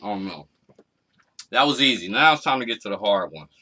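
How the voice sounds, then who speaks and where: On the low side and slightly rough, the voice is expressive, pushed, and bright at a normal speed. It belongs to a man from Arkansas in the United States hosting a mukbang vlog in a small room at home, talking casually and playfully in slang.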